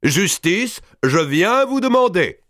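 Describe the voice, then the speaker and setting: A man voicing a furious young noble man who loudly and indignantly claims his inheritance before a king. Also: high-pitched, very animated, takes it slowly, no room sound, clean studio sound, pitched above the performer's own voice, heavily acted. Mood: indignant, declaiming. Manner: loud, indignant declaiming.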